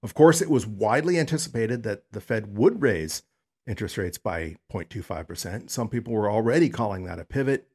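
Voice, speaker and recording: A man's voice: expressive, brisk, darkish tone, husky. A man hosting a solo podcast, talking in a rambling, chatty way with lots of fillers. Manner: rambling and chatty, many fillers, pitch jumps up on greetings. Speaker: podcast host.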